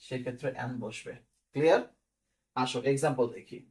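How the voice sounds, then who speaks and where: A man with a mid-range, brisk, slightly mellow voice teaches English grammar in a recorded online class. He goes step by step, poses quiz questions, and keeps asking "clear?" to make sure students are following.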